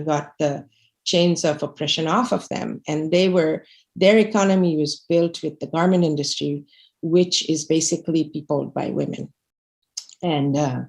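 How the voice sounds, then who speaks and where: A middle-aged Bangladeshi activist presents slides in a livestream talk over a video call from a room at home, speaking earnestly with many fillers and restarts. Her voice sits low, gravelly and darkish, picked up by a webcam microphone.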